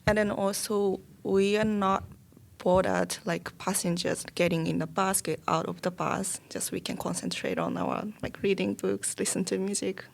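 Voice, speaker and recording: A young woman from Japan in a student discussion, speaking softly in simple phrases. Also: medium pitch, normal speed, gravelly. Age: young adult. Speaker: student panelist. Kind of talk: casual discussion.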